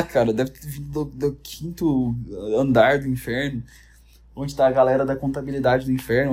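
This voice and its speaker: A man's voice: mid-range voice, a little mellow, husky. A man with a Brazilian Portuguese accent rambling through comedic, profane reality-show commentary. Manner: rambling, profane, jokey storytelling. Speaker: vlogger.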